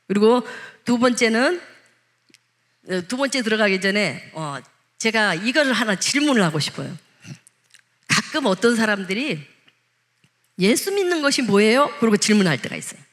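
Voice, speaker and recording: A woman pastor gives a Sunday sermon in an easy, conversational way. She keeps asking the congregation questions and acts out the lines she quotes. Her voice sits at a middle pitch. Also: animated, moderate pace, fairly bright tone.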